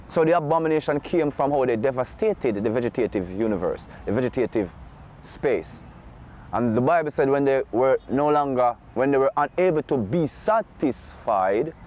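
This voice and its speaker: A man speaks as a lecturer, deliberate and emphatic, favouring lofty, ornate words. His voice is of middling pitch. The recording is dull and lo-fi, with faint noise behind him. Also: darkish tone. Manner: deliberate, emphatic, grandiloquent wording with rhetorical tags. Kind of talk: unscripted spoken lecture on folklore and scripture. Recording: dull lo-fi sound, faint outdoor background noise.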